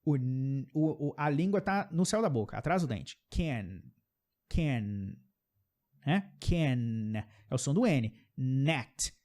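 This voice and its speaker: An expressive Brazilian man who grew up speaking Portuguese teaches English pronunciation, his voice a bit high and slightly mellow. He enunciates examples slowly, often stopping to ask "ok?".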